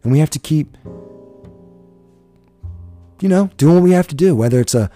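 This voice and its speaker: A man's voice: a little high, expressive, normal speed, mellow, faint music behind. A man from the United States hosting a podcast, delivering an impassioned, profane political rant. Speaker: podcast host.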